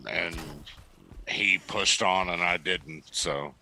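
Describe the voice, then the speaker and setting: A man's voice: deep voice, takes it slowly, gravelly, pushed and bright, a little hiss or hum. A man chatting as a returning stream guest, hesitant with many fillers. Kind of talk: casual chat.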